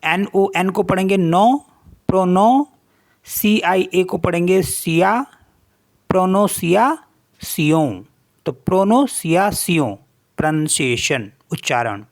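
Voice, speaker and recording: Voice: mid-range voice, creaky. A teacher giving a French pronunciation lesson, spelling each word letter by letter and then repeating how it is read. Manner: slow, deliberate explanation. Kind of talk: online language lesson.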